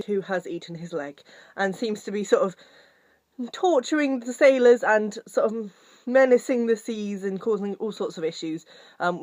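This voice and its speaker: A woman talks through a book review in a loose, candid way, full of ums and restarts. Her voice sits at a middling pitch. The recording is dry, with no room sound. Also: no room sound. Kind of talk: casual book review vlog.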